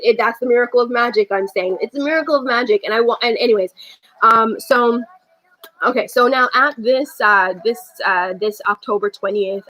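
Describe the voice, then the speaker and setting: A woman's voice: a little high, bright, forceful tone, poor audio. A young woman talking to camera in an unscripted personal monologue, rambling with many restarts and fillers. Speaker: vlogger.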